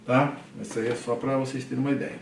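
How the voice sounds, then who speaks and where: Um homem com sotaque brasileiro dando aula em sala, falando com paciência e repetindo termos devagar, sempre perguntando "tá?". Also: male voice, mid-range voice, little pitch movement, vocal fry, a little hiss or hum. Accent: Brazilian Portuguese. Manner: patient, repeats terms slowly, asks "tá?" often. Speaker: teacher. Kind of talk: classroom lecture. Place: classroom. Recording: echoey classroom from a distance.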